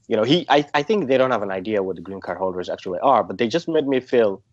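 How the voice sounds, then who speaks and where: A man's voice: on the low side, animated, quick pace, no echo, dull audio. A man from Somalia speaking in an interview, hesitant, with many restarts and fillers. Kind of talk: phone interview.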